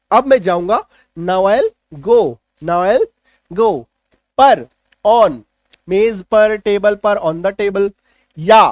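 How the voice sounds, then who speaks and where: A man, an English teacher patiently explaining vocabulary in a lesson and often checking if it is clear. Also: sits high, no room sound, clean studio sound.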